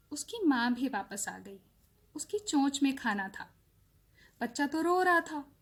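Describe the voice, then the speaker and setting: A woman narrating a children's story slowly, repeating phrases and acting out sounds. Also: high-pitched. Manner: slow and repetitive, acts out sounds.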